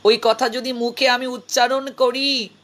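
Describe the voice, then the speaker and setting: A man voicing a remorseful young courtesan who begs a saint for forgiveness, in a drawn-out, pleading, self-reproaching manner. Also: very high-pitched, flat delivery, a bit bright, pitched above the performer's own voice.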